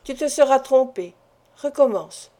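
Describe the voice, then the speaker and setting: A stern, ailing elderly father who questions his family with pressing insistence, read by a woman. The voice sits a little high and sounds mellow and warm. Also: expressive, unhurried. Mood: commanding.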